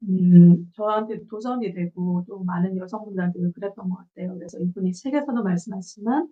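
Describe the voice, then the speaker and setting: A woman in her forties giving a measured, reflective book review from her notes, pausing often on filler sounds. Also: fairly low pitch, dark tone, husky. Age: 40s. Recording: dull lo-fi recording.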